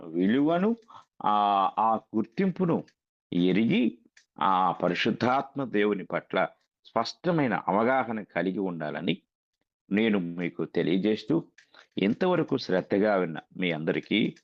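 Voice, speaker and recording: A man's voice: deep voice, sing-song, unhurried, vocal fry, long pauses. A man preaching an earnest, emphatic sermon, recorded over a dull, lo-fi line.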